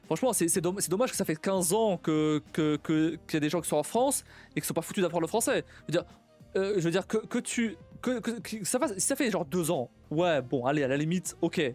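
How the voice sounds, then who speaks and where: Here a young man of Portuguese background talks casually on a live stream, his fairly high voice expressive and a little mellow over faint music. His delivery is halting as he thinks aloud, with many repeats and restarts and frequent laughter.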